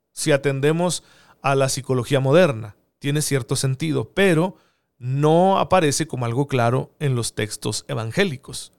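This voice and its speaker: A man's voice: a little high, darkish tone. A man giving an earnest theological teaching talk, often asking rhetorical questions. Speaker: preacher.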